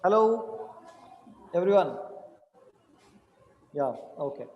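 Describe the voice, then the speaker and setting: A young man with an Indian accent teaches an online class informally, often repeating himself and checking in. His voice is high and soft-toned, with a long room reverb. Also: lively intonation, takes it slowly, lo-fi sound. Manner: informal, questioning, repeats instructions. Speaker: programming teacher. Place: small indoor room. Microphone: computer mic on a video call.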